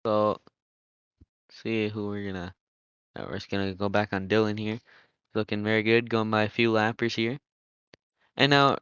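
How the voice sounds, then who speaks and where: Relaxed young man calling a race. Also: lowish voice, smooth, no echo, highs cut off. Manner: relaxed, chatty, laughs often, thinks aloud. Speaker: race commentator and server admin. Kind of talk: casual live race commentary.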